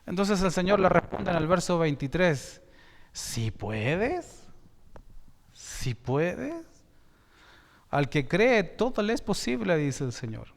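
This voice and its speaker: A man preaching a sermon as a pastor, slow and emphatic, with sudden rises in volume and frequent self-corrections. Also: sits high, expressive, gravelly. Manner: repeats and corrects himself mid-sentence. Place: church sanctuary. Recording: long reverb in a church hall.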